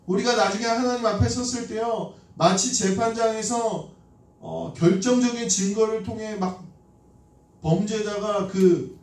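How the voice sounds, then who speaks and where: A man preaches in a church, telling stories in an easy, conversational way and asking his listeners questions. His voice sits high but sounds mellow. It is heard from a distant mic, with strong room echo. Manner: conversational, asks the congregation questions, acts out quoted lines. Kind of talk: sermon with storytelling. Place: church sanctuary. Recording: echoey hall from a distant mic.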